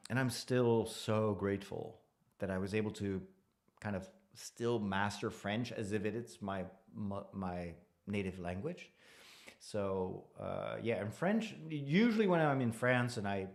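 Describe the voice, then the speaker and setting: A man's voice: fairly low pitch, darkish tone. A middle-aged man, a priest hosting a live stream, chatting casually with viewers in a self-deprecating way and laughing easily.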